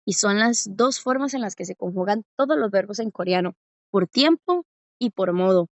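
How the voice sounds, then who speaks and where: A woman's voice: mid-range voice, animated, dry recording. A woman gives a patient classroom lesson, stretching out example words and often checking that her students follow. Her voice is close and dry. The sound is slightly muffled. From Costa Rica. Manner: patient, slows down to spell out examples with rising checks. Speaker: Korean language teacher.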